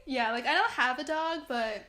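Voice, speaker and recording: A woman's voice: high-pitched, normal speed, bright, forceful tone, reverberant. A young woman guest in casual chat, rambling with lots of "like" and "um". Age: young adult.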